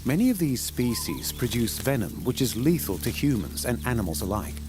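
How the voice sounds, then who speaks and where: Man narrating a nature documentary, lively intonation. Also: mid-range voice, fairly quick. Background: background music.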